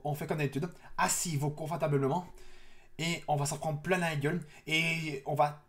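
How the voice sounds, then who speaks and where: Eager, chatty male trailer-reaction host. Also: on the high side. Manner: eager, chatty, with frequent restarts. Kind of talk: casual trailer reaction commentary.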